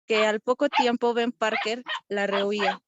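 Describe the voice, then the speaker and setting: A woman student, reading a story aloud in class, steady and careful. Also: medium pitch, normal speed, muffled recording, a little hiss or hum.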